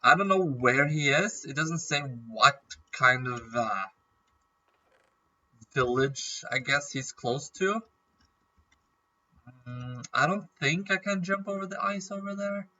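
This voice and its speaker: A man chatting casually through a game as a YouTuber, rambling and clearing his throat often with a nagging cough. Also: a little high, slow, long pauses, bright, forceful tone, far from the mic, highs cut off. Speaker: gaming YouTuber.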